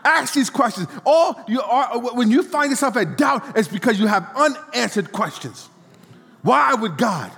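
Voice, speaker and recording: A man's voice: extremely high pitch, animated, measured pace, vocal fry, a bit bright. A man preaching a sermon in a church, repeating phrases and leading call-and-response. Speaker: pastor. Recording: long hall reverb.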